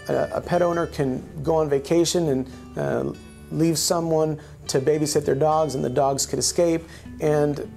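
A man, a police officer, explaining his department's animal program in an interview, speaking in measured phrases with frequent "uh" pauses. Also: on the high side, creaky, darkish tone. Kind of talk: on-camera interview.

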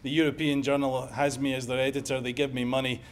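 Speaking quickly and in a level tone, this medium-pitched male voice carries a slight hiss or hum. He's a middle-aged emergency medicine professor from Scotland, lecturing at a conference in a lecture room with a Scottish accent and wry jokes along the way.

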